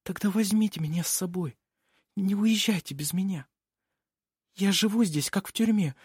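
A man voicing a frightened young girl who pleads in a hushed whisper. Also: high voice, moderate pace, slightly rough, no room sound, clean studio sound, pitched above the performer's own voice. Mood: hushed pleading.

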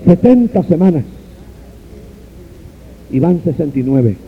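A man preaching a sermon with passion, swinging from soaring cries to low asides and calling the listeners brother. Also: very animated, unhurried, vocal fry. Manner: addresses listeners directly as brother. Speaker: pastor. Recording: dull lo-fi recording with faint hiss.

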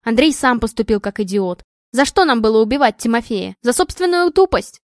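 A furious young wife hurls shrill, scolding accusations at her husband in a loud, high voice, as a woman reads her part. The sound is close and dry with no room around it. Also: big pitch swings, fairly quick, no echo. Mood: scornful.

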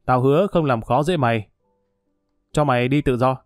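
A man doing a gruff gang boss. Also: medium pitch, moderate pace, no room sound, clean studio sound, faint music behind, lightly acted. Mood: menacing. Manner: gruff, threatening. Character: menacing male gang leader, tough and curt.

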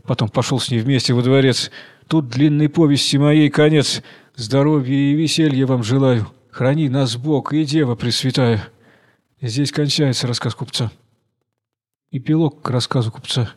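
A man narrating a rhymed verse tale in a steady, rhythmic reading. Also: mid-range voice, normal speed. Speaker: audiobook narrator.

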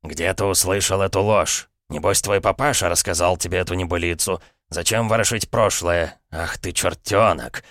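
A man reading an audiobook voices a jovial, mocking middle-aged brother-in-law, speaking in a teasing, ironic and unhurried way. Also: sits low, a bit bright, dry recording, studio quality. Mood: flustered.

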